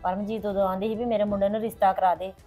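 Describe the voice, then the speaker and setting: This middle-aged actress in a village family drama vlog portrays an anxious mother begging her sister-in-law for help during a visit. She talks very fast in a flat, dark, natural medium-pitched voice, with faint music in the background.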